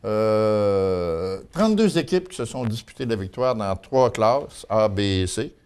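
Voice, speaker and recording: A man's voice: lowish voice, animated, measured pace, a little mellow, clear, resonant tone. A man with a Quebec French accent giving an informal local news chronicle in a folksy, colloquial way. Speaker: local news and gossip columnist.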